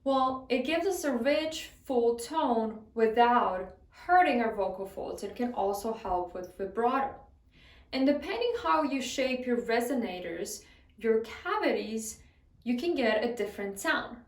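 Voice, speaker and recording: Higher-voiced woman teaching singing, roomy sound. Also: animated, unhurried, recorded from a distance. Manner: friendly instructive, guides exercises step by step. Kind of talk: vocal lesson.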